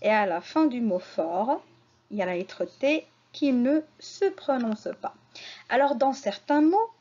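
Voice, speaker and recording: A woman gives a beginner language lesson at a very slow, deliberate pace. Her pitch swings widely as she stresses and repeats each word. The voice is a little breathy, on a dull lo-fi recording. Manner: slow, repeats key words, lively teaching intonation. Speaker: French teacher.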